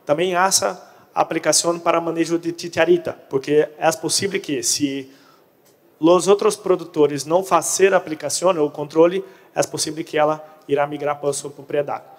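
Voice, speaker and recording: A man's voice: fairly high pitch, steady tone, brisk. Brazilian man speaking portunhol in a reverberant hall. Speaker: conference speaker on crop pest control. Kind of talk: presentation to an audience. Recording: echoey hall with long reverb.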